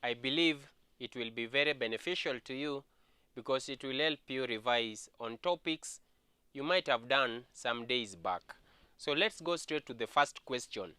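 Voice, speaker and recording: Bright, clear Kenyan male history teacher. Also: mid-range voice, expressive, no echo. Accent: Kenyan English. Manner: slow, deliberate, repeats key points. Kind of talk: exam revision lesson.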